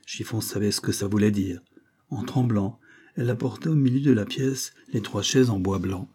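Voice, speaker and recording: A man reading a novel aloud in steady scripted narration. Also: lowish voice, normal speed, slightly rough. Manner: steady storytelling. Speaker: audiobook reader.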